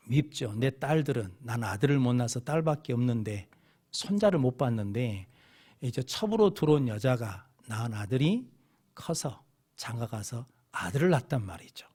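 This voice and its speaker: A man's voice: mid-range voice, a little mellow, slightly rough. Man, middle-aged, Jeolla accent, pastor, storytelling sermon, rhetorical questions, church sanctuary. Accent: Jeolla Korean. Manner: storytelling preacher who keeps asking the congregation questions.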